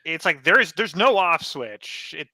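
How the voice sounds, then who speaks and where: A man's voice: a little high, big pitch swings, unhurried, bright, forceful tone. A man in a casual podcast chat, talking earnestly in long, rambling, self-restarting sentences. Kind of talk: casual banter.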